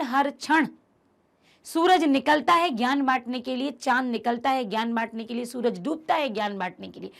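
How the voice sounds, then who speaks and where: Speaking directly to her pupils, a female Hindi teacher goes over a chapter from their textbook, emphatic and repeating the important phrases. Her voice is high and gravelly.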